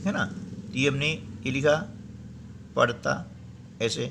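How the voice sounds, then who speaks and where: A man's voice: medium pitch, steady tone, vocal fry, background noise. A man teaching a workbook lesson, explaining step by step and often checking with "है ना". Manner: explains slowly, repeats "है ना" and "ठीक है ना".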